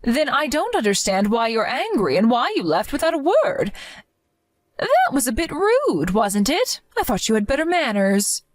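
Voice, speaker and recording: A woman voicing a middle-aged mother who calmly and pointedly questions her son-in-law in a dramatized chat story. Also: a little high, moderate pace, no room sound.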